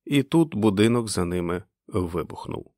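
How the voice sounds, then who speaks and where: A man reading a novel aloud as audiobook narration, with expressive storytelling. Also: low voice, normal speed, dry recording, studio quality.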